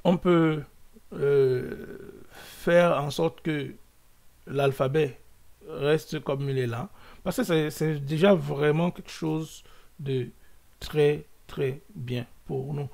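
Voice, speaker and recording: A man walks through a coding lesson at an unhurried, halting pace, often pausing on fillers and starting sentences over. His voice sits a little high for a man and has a gravelly edge. He thinks aloud as he works through each step. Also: darkish tone. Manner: slow, hesitant, many fillers and restarts; thinks aloud while working. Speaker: coding tutorial host. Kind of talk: screen-recorded coding lesson.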